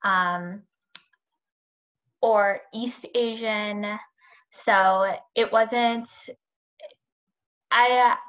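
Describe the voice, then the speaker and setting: A young woman from India chats as a panel guest, loose and full of "like" and "um." Her voice is bright and forward. The recording sounds a little dull and lo-fi. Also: mid-range voice. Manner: chatty, lots of fillers and asides. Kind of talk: casual chat.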